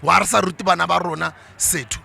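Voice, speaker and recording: Passionate South African man, bright and gravelly. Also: sits high, fairly even intonation, quick pace, a little hiss or hum. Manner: passionate, preachy, switches into isiZulu. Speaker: motivational speaker. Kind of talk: motivational monologue.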